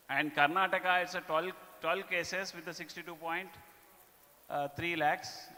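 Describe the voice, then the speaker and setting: A man with an Indian accent giving a corporate performance presentation to staff, speaking haltingly and often tagging his phrases with "okay". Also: on the high side, sharp tone. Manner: halting delivery with repeated "okay" tags. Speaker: business presenter. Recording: echoey hall with long reverb.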